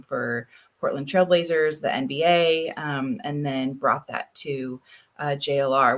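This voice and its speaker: A woman on a panel introducing her corporate diversity work, talking with frequent hesitant fillers. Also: extremely low pitch. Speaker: corporate DEI lead. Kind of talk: panel discussion.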